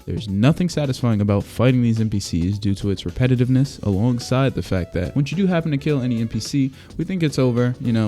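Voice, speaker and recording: A man's voice: lowish voice, dark tone. A man giving an opinionated video game review, blunt and critical, in casual slangy speech. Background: music behind the voice.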